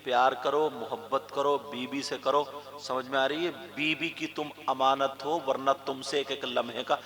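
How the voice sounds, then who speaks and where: A male preacher from India giving a sermon, telling stories with jokes and stretching out shouted phrases for emphasis. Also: mid-range voice, fairly even intonation. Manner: storytelling with jokes, then drawn-out shouted emphasis. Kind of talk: Urdu religious sermon to a crowd.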